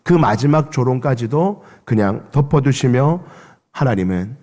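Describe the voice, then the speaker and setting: A man preaching a Sunday sermon as pastor in a church, impassioned, rising and falling sharply in pitch and loudness as he leads the congregation in reading aloud. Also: lively intonation, unhurried. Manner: impassioned, with dramatic swings of pitch and level. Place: church sanctuary. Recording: long church reverb.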